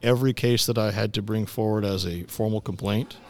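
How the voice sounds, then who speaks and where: A man's voice: on the low side, fairly even intonation, brisk, a little mellow. A middle-aged man, an attorney, giving conversational answers as an interview guest.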